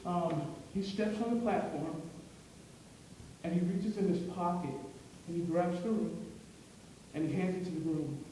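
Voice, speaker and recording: A man's voice: high voice, unhurried, mellow. A man delivering a class sermon, telling a story with many fillers and restarts. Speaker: preaching student. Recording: echoey room from far off, faint noise.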